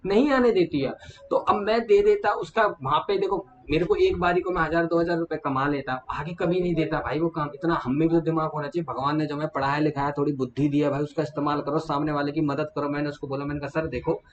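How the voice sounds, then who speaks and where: A man's voice: fairly high pitch, fairly even intonation, fast. A man, casually retelling client conversations in a vlog and speaking to viewers like friends. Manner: chatty, retells client calls, addresses viewers as brother. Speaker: small manufacturer sharing business lessons. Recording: dull lo-fi sound with faint background hum.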